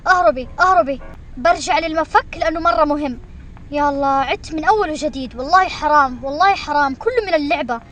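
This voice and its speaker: A woman streamer giving excited commentary while she plays a game, shrieking when she is chased. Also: sits high. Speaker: gaming streamer.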